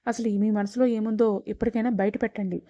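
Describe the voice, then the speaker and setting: A man's voice: very high voice, a little fast, warm tone, dry recording, pitched above the performer's own voice. Lady doing an angry young husband, confronting, dull lo-fi recording. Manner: confronting, indignant.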